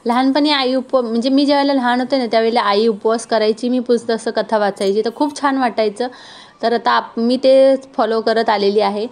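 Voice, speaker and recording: A woman's voice: on the high side, a little mellow. A woman from the Konkan chatting casually to her viewers, with fillers and self-corrections. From Konkan, India. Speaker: cooking and home vlogger. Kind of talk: casual vlog chat.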